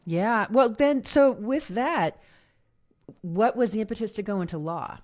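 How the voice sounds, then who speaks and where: A woman's voice: mid-range voice, measured pace, darkish tone. A woman hosting an interview podcast, bubbly and encouraging, with lots of short affirmations. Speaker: podcast host.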